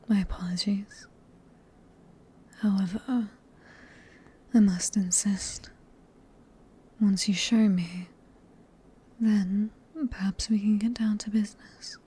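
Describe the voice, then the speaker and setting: A woman with a British accent playing a sadistic, possessive vampire in a whispered ASMR roleplay, speaking in a breathy, teasing, genteel and condescending manner. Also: medium pitch, fairly even intonation, slow, pauses often, warm tone. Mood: mocking curiosity. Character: sadistic, possessive female vampire, silkily polite and manipulative.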